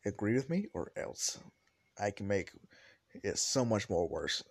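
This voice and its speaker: A bossy young woman who lays claim to her man and won't hear otherwise, put on loosely by a man telling a story. She talks slowly, flatly and offhand, stumbling into restarts. It sounds like a storyteller barely changing his voice. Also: lowish voice, slightly rough, pitched below the performer's own voice, full character voice. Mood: threatening.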